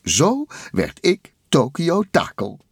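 A man voicing a goofy, excitable male tow truck who hollers in a folksy way. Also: a little high, slow pace, slightly rough, dry recording, clean studio sound, voice pushed up, full character voice. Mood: gleeful. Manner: hollering, folksy, breathless glee.

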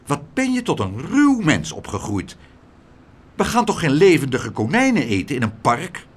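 A man voicing a prim, indignant older spinster with a shrill, scolding manner. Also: huge pitch swings, moderate pace.

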